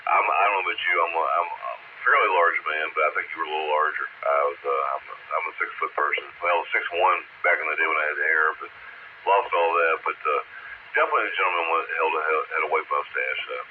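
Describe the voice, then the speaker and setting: Deep-voiced older man on noisy radio. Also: fast talker. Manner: rambling, hesitant. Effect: two-way radio transmission. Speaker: amateur radio operator. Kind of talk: casual chat over two-way radio. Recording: very narrow, noisy GMRS radio audio.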